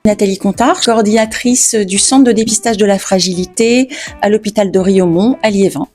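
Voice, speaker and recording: Woman coordinator, breathy voice, advice tone, soft music behind. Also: mid-range voice, normal speed. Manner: advisory, with fillers. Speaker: health centre coordinator. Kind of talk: interview advice.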